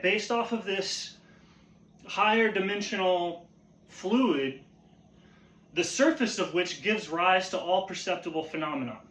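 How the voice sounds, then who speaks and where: A man giving an informal instructional explanation as a martial arts teacher, halting and repeating his phrases as he goes, often checking in with a questioning tag. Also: sits high, a bit bright. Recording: roomy, echoey sound.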